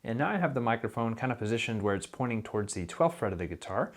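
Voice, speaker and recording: This casual gear review and demo comes from a music teacher testing a condenser microphone without a pop filter, his distance varying. He speaks a little fast, rambling in a relaxed manner with many fillers, his voice slightly low after an illness. The setting is a small, fairly dead room.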